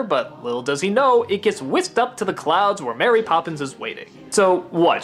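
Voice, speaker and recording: A man hosting a film review, commenting with animated, gushing enthusiasm. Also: fairly high pitch. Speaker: film critic host.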